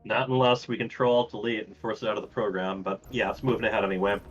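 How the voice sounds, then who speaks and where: A man's voice: fairly low pitch, steady tone, dull audio. Guy casting a live game, chill and laughing a lot, faint music behind. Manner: easygoing, laughs often, slips into a drawn-out announcer voice. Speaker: esports caster.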